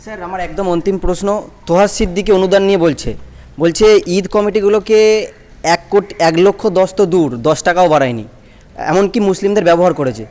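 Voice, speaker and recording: A deferential male interviewer with a fairly high voice, asking questions politely and often pausing on fillers. The sound carries a long hall-like reverb. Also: a little mellow. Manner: deferential, addresses guest as sir, hesitant fillers.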